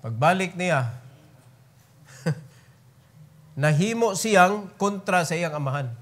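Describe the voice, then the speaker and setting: High-voiced Cebuano preacher man. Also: animated, slow, fairly bright tone. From Philippines. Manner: emphatic, often calls out "brethren" and asks "Amen?". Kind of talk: sermon at a prayer meeting. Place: church prayer meeting.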